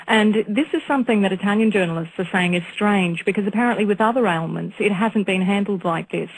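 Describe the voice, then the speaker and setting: A female foreign correspondent reports live to a radio news presenter, at an ordinary middle pitch for a woman. She speaks off the cuff, with some hesitant pauses as she lays out the facts. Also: rough recording. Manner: reporting live with fillers and restarts.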